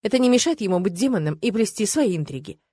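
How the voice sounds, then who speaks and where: A woman's voice: medium pitch, fast talker, breathy edge, no echo, studio quality. Woman narrating a first-person audiobook. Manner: steady, expressive storytelling.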